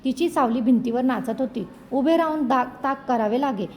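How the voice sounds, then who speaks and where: A woman narrating a storybook in a measured, expressive reading. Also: sits high, a little hiss or hum.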